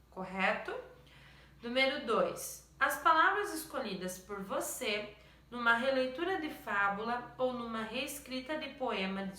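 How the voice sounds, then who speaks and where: A woman teacher slowly going over exercises in a recorded lesson, stopping often to check that the students follow. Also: on the high side, bright, forceful tone, reverberant.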